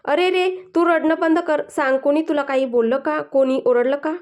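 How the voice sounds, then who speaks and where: A teasing, affectionate young husband in a storybook, fond and playful toward his wife. A woman reads him out in a high, light voice that rises above her narration. The lines come quick and bantering. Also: fairly even intonation, a little mellow, lightly acted. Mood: exasperated. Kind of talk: storybook dialogue reading.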